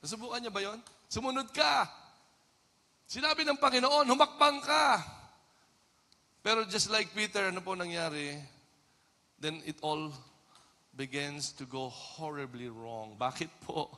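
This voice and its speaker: A Filipino man preaches in a church hall with a high, very bright voice. He drops low and quiet, then climbs to loud, pleading shouts. A long reverb trails every line. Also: unhurried, pauses often. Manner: switches between hushed and shouted passages. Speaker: pastor. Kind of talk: sermon.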